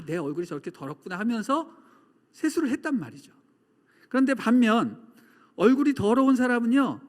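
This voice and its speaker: A man with a high, lively voice gives a sermon in a large church sanctuary. He tells stories and acts out shouting and echoing calls. His voice rings with long church-hall reverb. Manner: preaching with acted shouts and echoes. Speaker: pastor.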